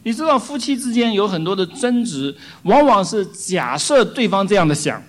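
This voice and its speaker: A man with a high, animated voice preaching a sermon. He speaks in short, measured teaching phrases and pauses after each one. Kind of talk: sermon in Mandarin with interpreter.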